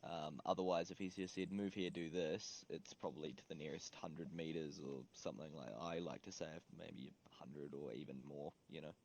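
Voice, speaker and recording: A man in a game voice chat giving calm, easygoing advice. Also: very deep voice, normal speed, hardly any pauses, slight background noise.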